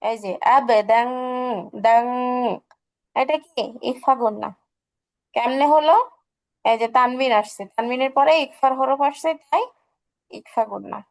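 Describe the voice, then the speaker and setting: High, gravelly female tajweed teacher. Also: moderate pace, pauses often, rough recording. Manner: patient, asks questions and answers them herself. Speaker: Quran recitation teacher. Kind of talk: online tajweed lesson.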